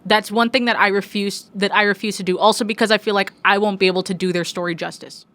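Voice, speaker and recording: A woman's voice: medium pitch, quick pace, dry recording. Chatty young woman in her twenties. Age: 20s. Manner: animated, swears freely, many restarts. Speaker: music journalist guest. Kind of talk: casual podcast conversation.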